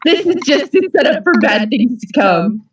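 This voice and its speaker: A woman chatting casually in a fan discussion, animated and giggly. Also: on the high side, normal speed, slight background noise. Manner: animated and giggly, reads comic lines aloud. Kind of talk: casual chat. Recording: roomy echo from far mic.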